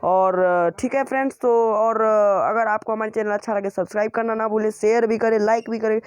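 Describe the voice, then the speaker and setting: A man's voice: sits high, fairly even intonation, brisk, clear, resonant tone, no room sound. A man hosting a channel, casually recommending school books and repeating and qualifying his points, with frequent hesitations. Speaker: YouTube channel host reviewing school books. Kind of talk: casual spoken book recommendation.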